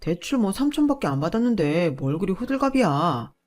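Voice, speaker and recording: A woman's voice: fairly low pitch, sing-song, a little fast, a little mellow. A woman voicing a selfish, dismissive husband who argues back defensively.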